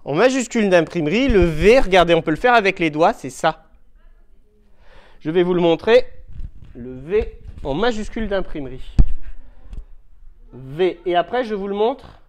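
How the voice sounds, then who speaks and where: A man teaching young children in a classroom, speaking slowly and patiently through a face mask and sounding out letters. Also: high-pitched, expressive. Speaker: primary school teacher. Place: school classroom. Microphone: handheld mic held by a pupil.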